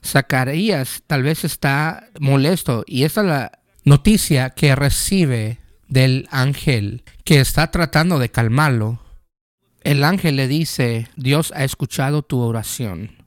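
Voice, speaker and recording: A man's voice: medium pitch, takes it slowly, no echo, studio quality. A male pastor giving a conversational sermon, asking the listeners questions and telling personal stories.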